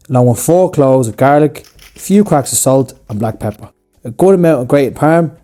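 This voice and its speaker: A man's voice: medium pitch, mellow. A young Irish man hosting his own cooking channel, talking through a recipe in a casual, blunt, chatty way. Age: young adult. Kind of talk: scripted cooking voice-over.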